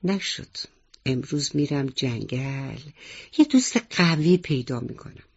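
Brief: curious young mouse boy, read by a woman storyteller, earnest, lively, slightly husky. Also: a bass voice, muffled recording, exaggerated voice. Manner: earnest, questioning. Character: curious little male mouse child.

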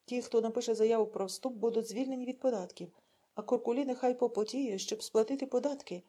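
Woman doing a hoarse male secret-police officer, fiery speeches, husky, warm tone. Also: a little high, brisk, natural voice. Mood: fervent. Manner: fiery speechmaking, rising to shouts.

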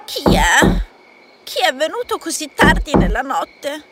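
A woman's voice: sits high, wildly swooping pitch, a little slow, very noisy, pitched above the performer's own voice, full character voice. A woman doing a kindly old aunt. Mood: surprised, kind.

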